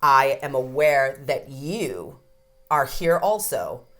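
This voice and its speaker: A woman's voice: rumbling low, sing-song, slow, fairly bright tone. A woman in her fifties, a counselor, talking frankly and reflectively in a podcast interview, with the odd casual swear word. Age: 50s. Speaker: codependency counselor and ceremony guide.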